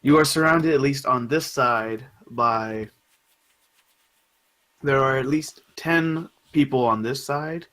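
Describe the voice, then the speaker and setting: A young man narrating as game master in a casual, halting way with lots of fillers. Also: mid-range voice, a bit bright, rough recording.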